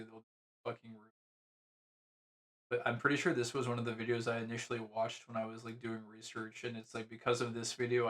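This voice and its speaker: A man's voice: medium pitch, fairly bright tone, rough recording. A man streaming a reaction to a video, rambling casually and swearing often. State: talking with food in his mouth.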